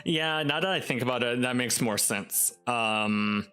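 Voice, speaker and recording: A man's voice: mid-range voice, a little slow, bright, forceful tone, smooth, soft background music. Musing man commenting on a game. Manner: musing, hesitant, many fillers. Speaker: streamer.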